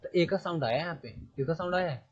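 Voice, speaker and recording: A male English grammar teacher in a classroom, repeating his points and firing quick questions at his students. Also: a little high, highs cut off.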